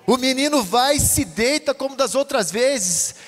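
Male preacher, Brazilian Portuguese accent, high-pitched, fervent chanting delivery, long church reverb. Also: expressive, a little slow. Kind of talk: pentecostal sermon. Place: church hall.

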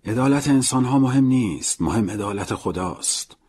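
A man voicing a gentle, earnest male prison priest in an audiobook, speaking softly and in a paternal way. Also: mid-range voice, animated, a little hiss or hum, voice pushed up, natural voice.

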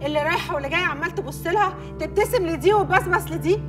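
An actress with an Egyptian accent playing a jealous, quick-tempered young newlywed bride in a TV drama. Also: female voice, sits high, recorded from a distance, natural voice. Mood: accusing. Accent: Egyptian Arabic. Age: young adult. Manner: rapid, accusing, flares into shouting. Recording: music under the dialogue.

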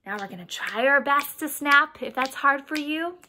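A woman music therapist leading a remote session, singing a simple action song and gently coaching movements between verses. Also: high voice, lively intonation, normal speed, noisy background. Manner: cheerful sing-along leader, gentle coaxing instructions. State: out of breath.

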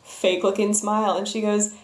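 A woman's voice: mid-range voice, level tone, brisk, echoey room. A young woman telling embarrassing stories in a wry, self-deprecating way. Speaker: vlogger. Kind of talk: storytelling vlog.

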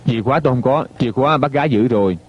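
A man's voice: mid-range voice, rapid-fire, husky, close to an everyday voice. A man dubbing a loyal family steward in a TV drama, polite but firm. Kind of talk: dubbed TV drama. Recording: dull lo-fi dub with music.

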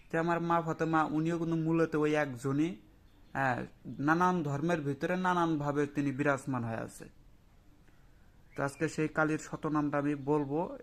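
A man, a spiritual healer who speaks directly to listeners and recites a long mantra slowly and carefully. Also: on the high side. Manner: slow measured chanting of verses; talks directly to viewers, earnest. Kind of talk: religious talk and mantra recitation.

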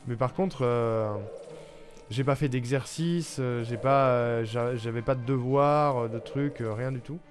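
A male streamer from France talks casually at a mid-range pitch, chatty and meandering, often stopping to hesitate and restart his sentences. He speaks into a streaming mic at home, and clear music plays behind him. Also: a little slow. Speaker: live streamer. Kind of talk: casual chat with viewers. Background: background music.

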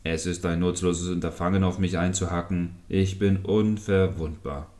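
A meek but stubborn magic fishing hook pleads with its master in a storybook tale, as a man reads it out. The voice is deep and low, and it sounds humble and begging. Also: fairly even intonation, moderate pace, dark tone, natural voice. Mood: pleading.

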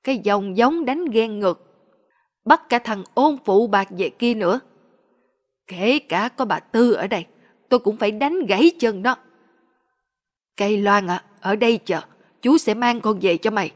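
A woman's voice: mid-range voice, a little slow, pauses often, lightly acted. A woman reading a story aloud, voicing a middle-aged village man who speaks bluntly and angrily. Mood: furious. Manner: blunt, fiery. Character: gruff angry middle-aged village uncle.

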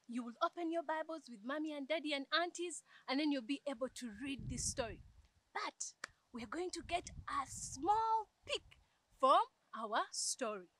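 A young woman teaching a children's Bible lesson outdoors, telling the story lively and expressively. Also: high-pitched. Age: young adult. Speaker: Sunday school teacher. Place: outdoors in a garden.

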